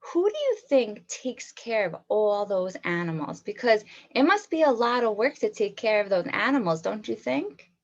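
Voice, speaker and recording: A woman's voice: mid-range voice, big pitch swings, normal speed, lo-fi sound. A woman teacher giving an online read-aloud lesson to young children, asking them questions and praising their answers.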